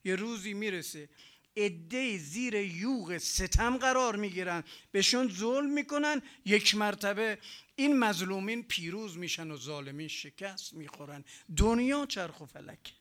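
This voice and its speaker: A man's voice: high voice, lively intonation, fairly bright tone. A man preaching a sermon, with emphatic repetition and rhetorical questions.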